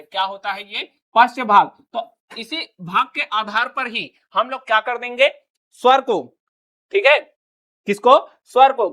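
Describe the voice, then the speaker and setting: A man's voice: very high voice, sharp tone. A male teacher giving a classroom grammar lesson, asking his students question after question and repeating each answer back to them.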